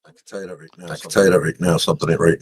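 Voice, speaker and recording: A man's voice: sits low, level tone, very fast, slight background noise. A man hosting a casual livestream, his blunt, cursing talk doubled back at him as an echo with a short delay. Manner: blunt, cursing, repeats himself. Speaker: show host.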